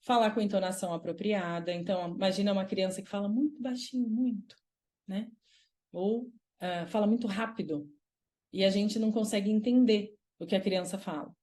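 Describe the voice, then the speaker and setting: A woman's voice: mid-range voice, a little fast, a little mellow. A woman with a Brazilian accent, a child development specialist giving a live talk and answering audience questions, often checking in with "né?". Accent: Brazilian Portuguese. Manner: explanatory, with frequent "né?" tag questions.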